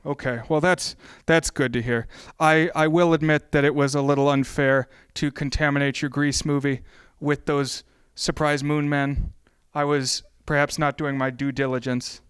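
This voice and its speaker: A man playing a genial horror-host count on public access TV, with mock-formal, wordy, halting patter. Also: medium pitch, flat delivery, smooth, lightly acted. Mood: courteous, apologetic.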